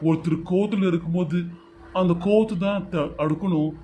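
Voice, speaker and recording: An earnest younger brother, voiced by a man, pleading to keep his family together in a homemade serial drama. He ends almost every line by calling his brother, and his voice sits a little high, with faint noise behind it. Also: moderate pace, mellow, lightly acted. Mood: reproachful.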